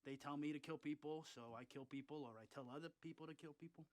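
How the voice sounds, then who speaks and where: A man's voice: a little high, steady tone, quick pace, a little mellow, close to an everyday voice. An actor playing a crude, cocky male gangster who brags offhandedly about his crimes in a confessional. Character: sleazy foul-mouthed male gangster, cocky.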